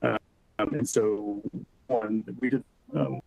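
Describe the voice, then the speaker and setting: A man's voice: mid-range voice, steady tone, vocal fry, no echo, dull audio. Man on glitchy cutting-out call audio. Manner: halting, many fillers and restarts. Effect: corrupted audio that keeps cutting out. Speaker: panel guest. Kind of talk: panel discussion over video call.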